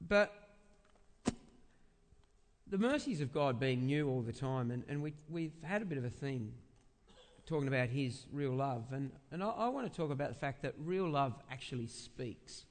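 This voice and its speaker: A man with a big, medium-pitched and expressive voice delivers a conversational sermon as a pastor. He leans on halting repeated phrases for emphasis and asks rhetorical questions, and the vast indoor church space makes everything reverberate.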